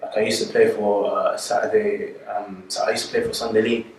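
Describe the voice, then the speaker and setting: A young man in his twenties talks about his past in a rambling, casual way, full of ums and restarts. His voice sits low and fairly flat. He is caught from a distance, with heavy echo and a faint hiss of noise behind him. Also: a little fast. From born in Italy, raised in England. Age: 20s. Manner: rambling, many fillers and restarts. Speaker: interviewee. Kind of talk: casual street interview. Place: outdoors on a street. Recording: echoey, from far off, faint background noise.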